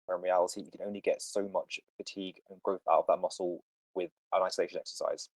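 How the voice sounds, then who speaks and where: A man's voice: sits low, level tone, fast, a little mellow, dry recording, poor audio. A man hosting a casual fitness podcast, confidently explaining training ideas to a caller over a voice call. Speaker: podcast host answering fitness questions.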